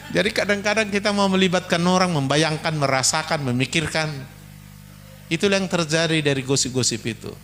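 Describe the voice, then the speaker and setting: A male pastor, preaching a sermon in a lively, joking way and acting out everyday quarrels. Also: fairly high pitch.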